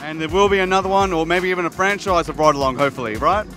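A man's voice: on the high side, very fast, bright, forceful tone. A young man hosting and interviewing at a film premiere in a busy shopping centre, speaking into a handheld mic with music behind. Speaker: entertainment reporter. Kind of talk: red carpet interview. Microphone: handheld microphone.

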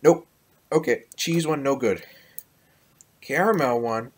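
A man's voice: mid-range voice, takes it slowly, husky. A young man vlogging a taste test, talking bluntly with his mouth full of popcorn. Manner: blunt, grossed-out reactions. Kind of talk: casual taste-test commentary.

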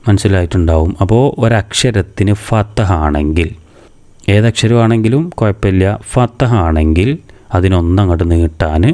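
A man from Kerala teaching a reading lesson step by step, patiently asking questions and answering them himself, saying each sound slowly and repeating it. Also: low-pitched, warm tone. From Kerala, India. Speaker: madrasa teacher.

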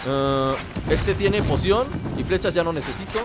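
A man giving excited let's play commentary, teasing and shouting in bursts. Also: fairly high pitch, normal speed, very noisy. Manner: excitable, loud outbursts, teasing, sings along. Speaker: gamer.

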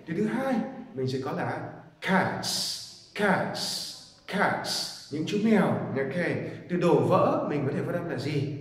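A man teaching English pronunciation, slowly repeating each word several times. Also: on the high side, darkish tone. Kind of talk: pronunciation lesson. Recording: echoey hall from far off.

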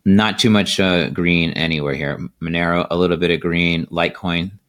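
A middle-aged man hosting a casual crypto video, talking in a relaxed, rambling way with many fillers, recorded at his desk on a computer mic. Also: deep voice, normal speed. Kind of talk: casual market commentary. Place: indoors at a desk.

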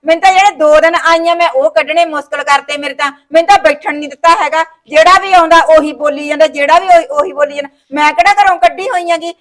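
A woman's voice: high voice, fast, few pauses, fairly bright tone. A woman with a Punjabi accent, acting in a family short film, complaining indignantly and refusing every offer. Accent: Punjabi (Malwa). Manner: indignant, complaining, talks over objections. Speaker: actor playing a sulking sister-in-law.

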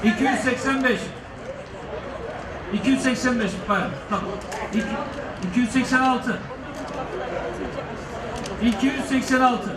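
A man's voice: very high voice, moderate pace, long pauses, a crowd in the background. A man working as an auctioneer, calling bids at a live auction with repeated figures and last-chance calls. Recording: echoey noisy room, distant mic.

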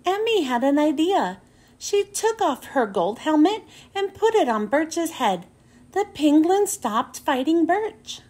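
Slow and sing-song, this woman's high, somewhat mellow voice carries a children's storybook read-aloud. As a children's book reader and host, she phrases things with care and expression for a young audience.

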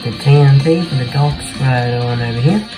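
Over game music in a small bedroom, a young man hosts relaxed, slang-filled gameplay commentary and reads cutscene lines aloud. He speaks at medium pitch and a moderate pace, captured on a low-quality recording.

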